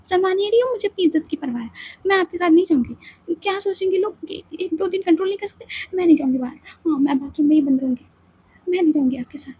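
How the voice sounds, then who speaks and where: A woman voices a flustered young wife who keeps refusing in quick, insistent bursts. Her voice sits high and the timbre is mellow. It is set in a spoken storybook romance. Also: animated. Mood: stubborn.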